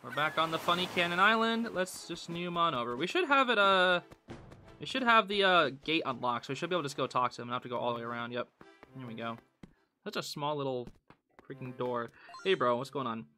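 A young man hosting a game channel, narrating his play in excitable, slangy commentary from a home room at night into a close mic. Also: on the high side, quick pace, soft background music. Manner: excitable, slangy, bursts into yelling. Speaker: gaming channel host. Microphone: close desk mic.

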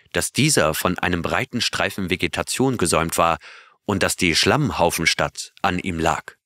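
A man's voice: deep voice, pushed and bright, no echo, clean studio sound, exaggerated voice. A man reading an earnest astronaut storyteller. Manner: earnest storytelling, asks listeners questions. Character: male astronaut telling his adventure to his crew. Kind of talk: audiobook reading of a character's tale.

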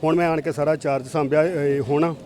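A man who is a manager making an official statement in a news interview, measured and hesitant. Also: on the high side, flat delivery, darkish tone, a little hiss or hum.

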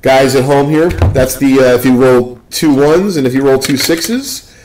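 A young man from the Northeast US hosting a live card-opening stream, rambling and joking with excitement. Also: mid-range voice, a little slow, slight background noise, poor audio. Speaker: card break host.

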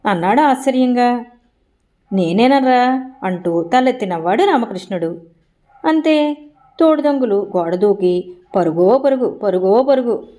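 A woman tells a storybook folk tale in a soft, mellow voice that sits slightly high. She narrates steadily and lifts her pitch whenever she voices the characters' lines. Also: a little slow. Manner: lively, voices dialogue with raised pitch.

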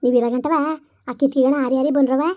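A woman's voice: high-pitched, little pitch movement, fast talker, voice pushed down, close to an everyday voice. A woman voicing a grim female ghost trapped in a bungalow who gives blunt, urgent warnings. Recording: dull lo-fi recording.

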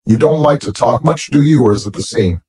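A man voicing a friendly young werewolf woman in an audiobook, lifting his husky voice higher for her lines. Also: animated, brisk, mellow. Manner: lighter, raised voice for her lines. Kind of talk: audiobook character voice.

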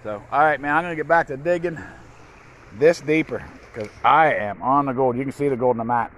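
A man's voice: medium pitch, fairly quick, fairly bright tone, slight background noise, poor audio. A man, chatting loosely in an outdoor vlog by a river, speaking into an action camera. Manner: rambling, folksy, repeats himself. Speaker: gold prospecting vlogger. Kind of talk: casual outdoor vlog narration.

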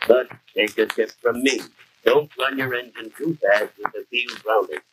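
An American actor playing a seasoned, avuncular mechanic giving folksy practical tips in a scripted 1940s training film. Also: male voice, medium pitch, measured pace, lightly acted. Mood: advising. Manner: folksy, advising. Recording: noisy 1940s film soundtrack.

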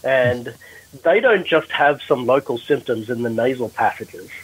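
This is a Clubhouse room replay in which a male doctor explains a health topic during a panel discussion, restarting often. He has a husky mid-range voice with lively intonation and a measured pace, and the recording quality is low.

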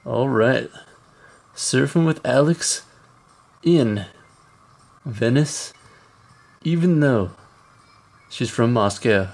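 A man's voice: mid-range voice, expressive, very slow, gravelly, long pauses, darkish tone. A man hosting his own channel, giving playful, jokey commentary over mobile gameplay and talking straight to viewers. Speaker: mobile game channel host.

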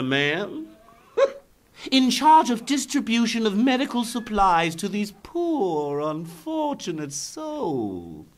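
A man's voice: medium pitch, fairly bright tone, full character voice. A man voicing a gleeful, menacing clown crime lord in a comic-book drama, theatrical, sardonic and taunting. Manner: theatrical, drawling, sardonic, cackling.

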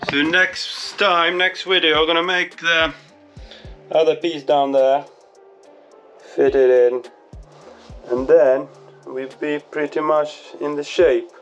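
A man with a slightly high voice narrates his boat build in short, unhurried remarks. He sounds a little distant from the body-worn camera inside the small hull. Faint music plays underneath. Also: fairly even intonation, fairly bright tone. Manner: brief, unhurried remarks while working with his hands. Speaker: boat restorer vlogger. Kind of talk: casual workshop commentary.

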